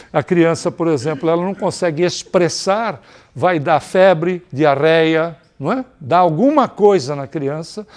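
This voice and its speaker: Man, spiritist lecture, slightly high voice, conversational, rhetorical questions, frequent tag questions.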